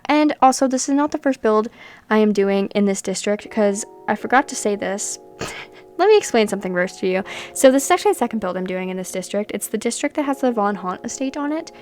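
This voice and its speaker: A woman's voice: mid-range voice, darkish tone. A young woman chatting casually over gameplay, rambling and self-deprecating, with frequent laughs. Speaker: sims builder and video creator.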